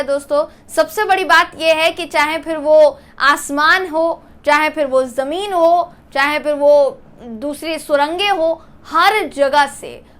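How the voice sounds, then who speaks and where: A woman news anchor with a high, bright voice presents a story in Hindi to camera, earnestly explaining the events to her audience. Throughout, she keeps addressing the viewers as her friends.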